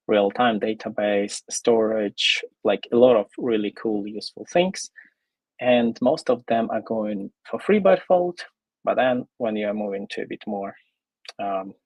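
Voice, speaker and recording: A man from Ukraine, presenting an online tech talk as a software developer, casual and full of fillers. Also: lowish voice, creaky, slightly rough, no room sound, poor audio. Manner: casual, pausing often with fillers.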